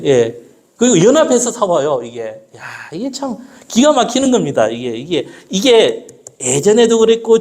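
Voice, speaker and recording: Middle-aged man, preaching, higher voice, rising and falling pitch, asks and answers his own questions. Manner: lively, asks the congregation questions and answers them himself; slows down when quoting scripture. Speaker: pastor. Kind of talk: sermon.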